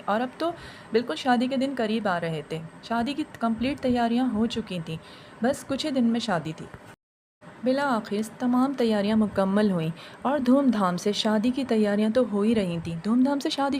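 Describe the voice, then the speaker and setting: A woman storyteller narrating a first-person tale in a steady, emotive way. Her voice sits slightly high, with a faint hiss of noise in the recording.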